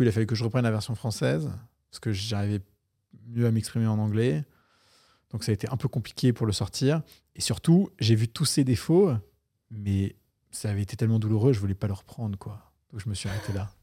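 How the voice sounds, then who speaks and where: A man's voice: lowish voice, fast talker, mellow. A middle-aged man, a guest in a casual interview, talking candidly and animatedly and swearing freely. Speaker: investor guest.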